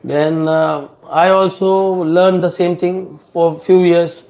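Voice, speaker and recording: A man's voice: a little high, steady tone, slow, creaky, darkish tone. A middle-aged man from South Mumbai with a Marathi-influenced Indian English accent, mixing in Hindi words as he chats in an interview. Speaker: podcast guest, business partner. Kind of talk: conversational interview, recounting career.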